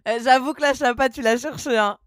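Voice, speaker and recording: Woman streamer, light high voice, dry booth-like sound, casual and giggly with viewers. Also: fairly quick, dry recording. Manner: chatty, reads chat aloud, laughs often. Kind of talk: casual live-stream chat.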